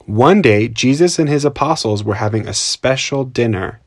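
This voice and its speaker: A man's voice: medium pitch, lively intonation, moderate pace, no echo, studio quality. A man co-hosting a children's storytelling podcast, explaining things in simple terms, recorded at home without a proper mic. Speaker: podcast co-host.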